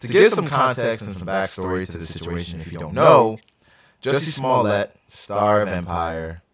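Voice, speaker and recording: A man's voice: lowish voice, very animated, moderate pace, fairly bright tone. A man hosting a casual podcast chat from a small home room, talking animatedly and jumping up when he makes a point. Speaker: podcast host.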